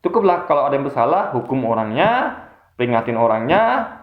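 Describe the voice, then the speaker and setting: Seorang pria yang berbicara dengan sungguh-sungguh kepada penontonnya dan sering mengulang-ulang kalimat dalam monolog opini yang santai. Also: male voice, medium pitch, big pitch swings, a little fast. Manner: earnest, appealing directly to viewers as guys; repetitive, with many restarts. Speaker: commentator. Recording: echoey room, muffled lo-fi sound.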